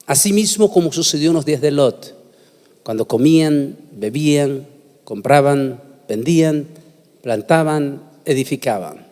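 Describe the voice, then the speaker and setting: A preacher delivers a conference talk to a congregation in a large hall, a sermon lecture with scripture reading and prayer. His voice is a little high, animated and warm, with solemn, emphatic, deliberate phrasing. The echoey hall gives the recording a long reverb.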